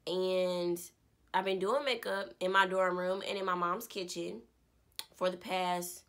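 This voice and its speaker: A young woman in her twenties casually telling an animated story about her life. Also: lowish voice, measured pace. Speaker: vlogger. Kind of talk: story time vlog.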